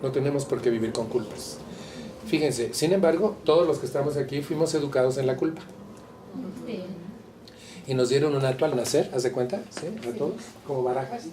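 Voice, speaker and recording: A man's voice: mid-range voice, fairly quick, background noise. A man with a Mexican accent speaking candidly and colloquially to a support group, often turning to ask his listeners questions. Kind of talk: personal talk to a support group.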